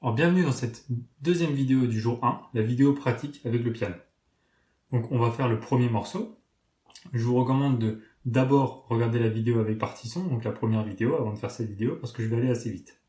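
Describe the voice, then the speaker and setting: Speaking fast in a mellow, mid-range voice, a man teaches piano step by step from a room with a piano. He stays patient and methodical, counting notes out loud, and the space gives the sound a roomy echo.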